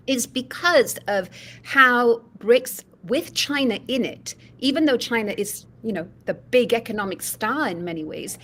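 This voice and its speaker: A woman's voice: medium pitch, a bit bright. Reflective woman on a panel. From Indonesia. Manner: measured, reflective, uses "you know" often. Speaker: opinion columnist. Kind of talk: panel discussion.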